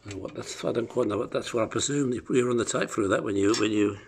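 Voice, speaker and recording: Filming with a phone in hand in his apartment living room, a man shows off something he's selling in an informal, hesitant, rambling way, with no script. He speaks fast in a creaky, lowish voice, and a little hiss or hum can be heard.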